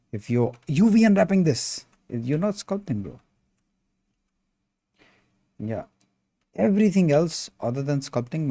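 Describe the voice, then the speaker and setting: An Indian man with a warm, mid-range voice chats casually on his sculpting livestream, laid-back as he reads chat aloud and calls viewers "bro." He speaks Indian English, and the recording is dry.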